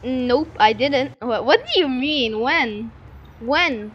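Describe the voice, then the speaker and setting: A woman giving excitable, rambling gameplay commentary into a broken microphone, repeating hype shouts. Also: sits high, slow pace, husky, lo-fi sound. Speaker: gamer streamer.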